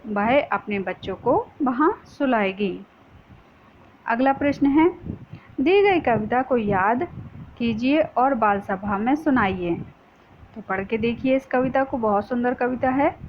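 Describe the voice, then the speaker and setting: A woman's voice: fairly high pitch, animated, slow pace. A woman teacher explaining a school lesson to young pupils, patient, often asking a question and then answering it herself. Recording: dull lo-fi sound with faint noise.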